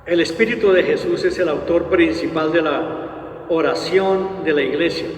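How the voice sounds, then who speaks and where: A man's voice: on the high side, normal speed. A man speaking as a priest, leading liturgical prayers at Mass, in an echoing church. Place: large reverberant church during Mass. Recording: echoey cathedral-like hall, distant mic, slight noise.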